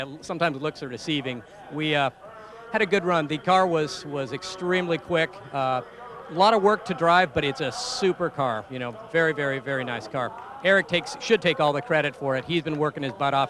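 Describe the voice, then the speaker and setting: A man's voice: a little high, a little fast, fairly bright tone. A man, a race driver, speaking modestly and hesitantly, crediting his teammate outdoors at a track. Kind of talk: post-race interview. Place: outdoors at a racetrack.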